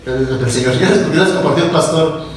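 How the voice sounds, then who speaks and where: A man preaching a sermon as pastor, mocking whiny voices and building to shouted exhortation. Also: on the high side, brisk, distant mic, slight background noise. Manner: mimics whiny voices of church members. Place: church sanctuary. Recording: echoey church sanctuary from afar.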